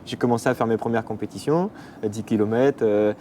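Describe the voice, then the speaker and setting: Young man from the Paris region, quick casual guest talk full of fillers, faint noise behind. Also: on the low side, dark tone. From Paris region, France. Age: 20s. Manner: rapid, hesitant with many fillers. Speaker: athlete guest. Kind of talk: casual interview.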